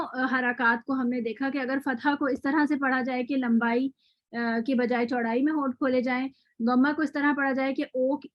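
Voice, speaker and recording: A woman teaching a tajweed lecture, explaining patiently, repeating example words slowly, with frequent fillers and self-corrections. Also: high-pitched, no echo, highs cut off. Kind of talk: online lecture with recap.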